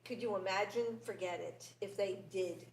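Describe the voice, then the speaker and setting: An older woman hosting a show, running a trivia quiz in casual chat, teasing and laughing as she goes. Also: mid-range voice. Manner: slow, giggly, teasing quizmaster. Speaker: talk show host. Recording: roomy studio with faint hiss.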